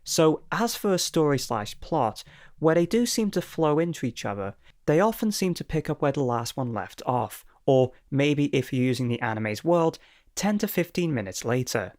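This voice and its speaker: A man's voice: on the high side, sing-song, moderate pace, a little mellow. A man narrating a scripted anime review in a dry, lightly sarcastic manner.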